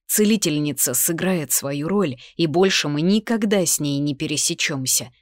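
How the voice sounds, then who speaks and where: A woman reading the lines of a calm, caring young male mage in an audiobook, in an even, reassuring tone. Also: on the high side, normal speed, no room sound, studio quality, natural voice. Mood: earnest.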